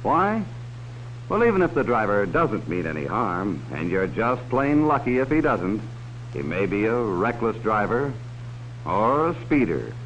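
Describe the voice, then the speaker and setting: In an exaggerated, fairly bright, sing-song voice of fairly low pitch, a man speaks a little slowly as a cautionary narrator in a 1950s educational film. Folksy and direct, he asks children leading questions to warn them off strangers. The sound is a dull, hissy period film track.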